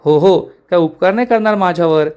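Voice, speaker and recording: A man's voice: high voice, brisk, darkish tone, clean tone, close to an everyday voice. A man reading aloud the angry lines of a spiteful, scheming older woman who owns the house, in snapping, defiant retorts. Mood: irritated.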